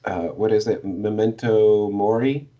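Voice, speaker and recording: A fairly low male voice with fairly even intonation speaks at normal speed on a muffled recording. He co-hosts a podcast, giving a book's plot summary in casual chat with much hesitation, many fillers, and little laughs.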